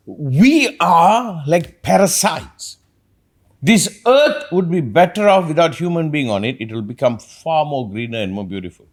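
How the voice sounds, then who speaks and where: A man hosting a reflective talk, an animated storyteller who acts out quotes as he rambles through his points. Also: medium pitch. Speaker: podcast host.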